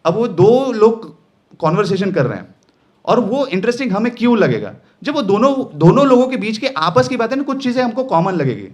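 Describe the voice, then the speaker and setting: Male workshop trainer, high voice, emphatic and playful delivery. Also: a little fast. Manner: animated, emphatic, playful teaching. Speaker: voice-over trainer. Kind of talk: live workshop lesson.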